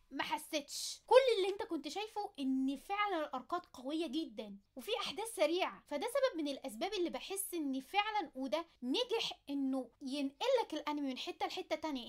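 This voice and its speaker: An excited woman anime fan with an Egyptian Arabic accent, hosting a chatty, playful commentary and talking straight to the viewer. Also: sits high. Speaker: anime video host. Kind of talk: casual anime commentary to camera.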